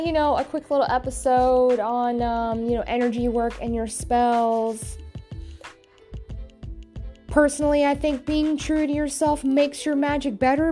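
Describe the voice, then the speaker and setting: A woman hosting a solo podcast, talking frankly with many pauses and ums, often swearing. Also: fairly high pitch, dark tone. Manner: hesitant and halting. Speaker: podcast host. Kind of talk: casual solo podcast monologue.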